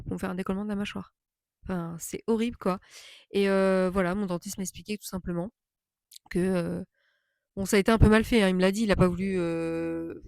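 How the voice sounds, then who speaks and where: A woman speaks casually, as if chatting to viewers in a storytime vlog, with a mid-range pitch and a dry, close sound. She is indignant and emphatic, and circles back to repeat phrases for stress. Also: darkish tone, dry recording. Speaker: vlogger telling a personal story.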